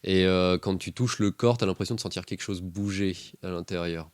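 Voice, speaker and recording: A man narrating as game master of a tabletop horror game, halting with many fillers. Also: sits low, steady tone, a little mellow, clean tone, no room sound.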